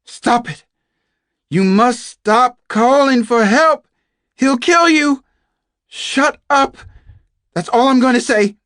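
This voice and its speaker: A woman voicing a terrified captive young woman in an audiobook, shouting a forceful, frantic warning. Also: a little high, slow pace, long pauses, no echo, studio quality, pitched above the performer's own voice. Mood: frantic, angry. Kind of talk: dramatized audiobook dialogue.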